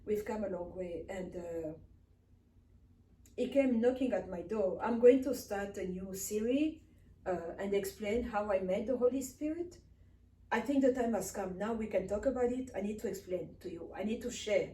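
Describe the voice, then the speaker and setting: A woman minister from Africa, whose first language is Swahili, gives a personal testimony sermon in a warm, medium-pitched voice at a normal pace. She speaks earnestly and emphatically, often repeating phrases. The recording has an echoey room, a distant mic, and faint hiss.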